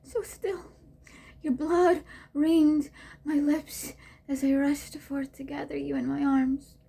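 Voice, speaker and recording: A woman's voice: high voice, level tone, takes it slowly, creaky, dark tone, pitched above the performer's own voice, full character voice. A woman performing a monologue as a young mother, a former child soldier, grieving her baby, tearful and often dropping to a whisper. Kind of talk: dramatic monologue rehearsal.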